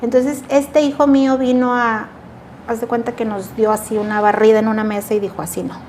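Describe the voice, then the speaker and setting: A woman's voice: fairly high pitch, little pitch movement, brisk, darkish tone, slight background noise. Earnest middle-aged woman telling her story. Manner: earnest, reflective, acts out remembered dialogue. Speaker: guest sharing a personal story. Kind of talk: emotional personal testimony.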